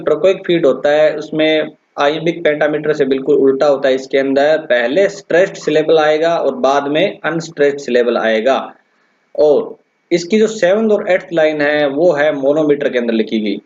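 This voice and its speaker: A male English lecturer giving an exam-prep lesson, explaining a poem and repeatedly addressing his students, slowing down to recite lines. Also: a little high, darkish tone. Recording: dull lo-fi recording.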